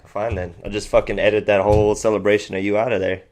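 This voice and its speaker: Young male podcast co-host, lower pitch, teasing banter. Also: little pitch movement, quick pace, darkish tone. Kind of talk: casual chat.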